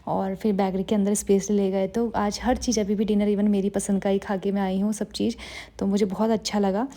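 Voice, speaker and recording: Vlogger type, woman, chatty and teasing, a bit tired, mellow steady voice. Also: mid-range voice, brisk. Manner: chatty, teasing, storytelling with quoted asides. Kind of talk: casual vlog narration.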